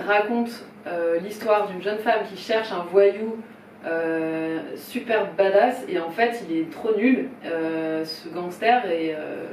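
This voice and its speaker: This woman has a lowish, somewhat mellow voice. She introduces a filmmaker at a small film shop event before an audience, casually and hesitantly, apologizing and restarting repeatedly. The sound is roomy and distant, with a little background noise.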